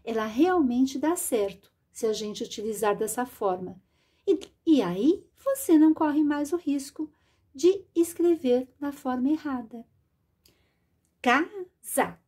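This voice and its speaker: Slow sing-song woman teaching phonics. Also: high voice, lively intonation, warm tone, slightly rough. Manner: slow, drawn-out and sing-song, stretching words and sounds; patient and didactic, addressing the learner directly. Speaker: literacy teacher. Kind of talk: children's phonics lesson.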